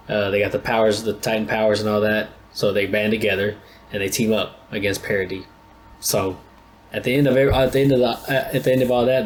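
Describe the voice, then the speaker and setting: A man's voice: lowish voice, a little hiss or hum. A man hosting an anime reaction channel, talking casually and thinking aloud in a rambling, laid-back way with many restarts.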